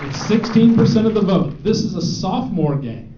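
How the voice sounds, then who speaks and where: A man's voice: high-pitched, expressive, normal speed, a crowd in the background, background noise. A man presenting student game awards to a live audience, joking and teasing as he reads out the winners. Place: event hall with an audience. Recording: echoey, dull hall recording.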